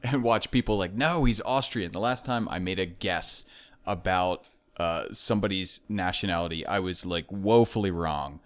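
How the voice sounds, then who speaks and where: A man's voice: deep voice, normal speed. A man interviewing a competitive player in casual chat, joking and self-deprecating.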